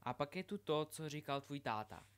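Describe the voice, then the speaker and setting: A man's voice: fairly high pitch, expressive, clear, resonant tone, lightly acted. A man voicing a wry, uneasy teenage boy who mutters his remarks, in an audiobook reading.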